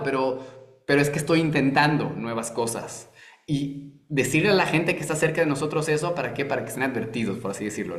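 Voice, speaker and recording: A man's voice: a little high, a bit bright. A man teaching a Torah class over a video call, talking conversationally and often asking rhetorical questions. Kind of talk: online class talk. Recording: roomy echo.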